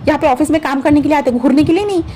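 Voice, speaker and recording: A woman's voice: sits high, lively intonation, racing, slight background noise. A woman voicing a feisty, hot-tempered young male office worker who fires off scolding questions in a fan fiction story. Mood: angry. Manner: snappy scolding questions, shouting.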